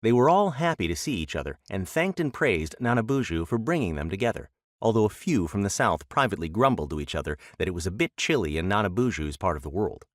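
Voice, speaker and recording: A man's voice: lowish voice, very animated, fast, hardly any pauses, no room sound, clean studio sound. A man narrating a scripted trickster tale as an audiobook storyteller.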